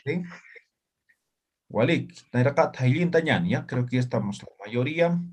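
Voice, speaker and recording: A man leads a live online language lesson, explaining sounds step by step in a patient, steady way. His voice sits at an ordinary middle pitch for a man. It comes through a computer mic on a video call. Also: unhurried, a little hiss or hum. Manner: patient explaining, tags nearly every phrase with a short check-in question. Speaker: language teacher.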